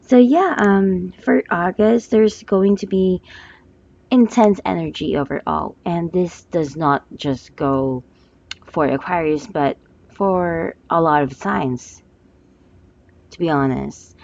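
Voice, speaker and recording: A hoarse woman reads a monthly love forecast from tarot cards in a low, slow voice. She speaks gently and hesitantly, with many pauses and fillers. The recording sounds somewhat dull and lo-fi. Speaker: tarot reader.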